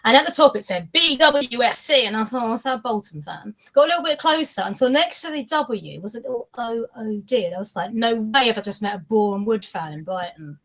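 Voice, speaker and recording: A woman who is a regular podcast contributor, telling a lively anecdote in casual chat and acting out the quotes. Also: on the high side, fairly quick, hardly any pauses, poor audio.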